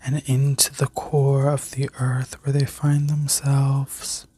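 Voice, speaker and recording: A woman whispering a soothing guided meditation in an ASMR style, like a sleep story narrator, gently giving instructions with a breathy voice. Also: rumbling low, flat delivery, slow. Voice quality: breathy, mostly unvoiced whisper. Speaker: ASMR reiki healer and video host.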